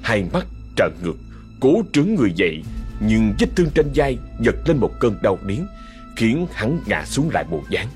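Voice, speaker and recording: A man narrating a scripted horror story in slow, ominous storytelling. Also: lowish voice, sing-song, a little mellow. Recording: narration over faint music.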